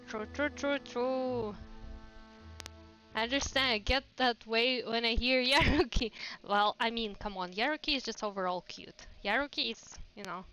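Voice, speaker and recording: Russian-accented woman streamer, bright and chatty, faint music under her. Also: a little high, low-quality recording. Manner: chatty and rambling, laughs often. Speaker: VTuber streamer. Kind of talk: casual livestream chat.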